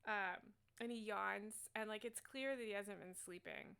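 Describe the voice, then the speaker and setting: A young woman narrating as game master in a chatty, animated way full of fillers. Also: mid-range voice, a little slow, vocal fry, smooth.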